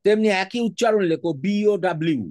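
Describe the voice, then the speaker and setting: A man's voice: high-pitched, quick pace, darkish tone, dry recording. A man with a Bengali accent teaching an online class, patiently spelling words out letter by letter and mixing English into his speech.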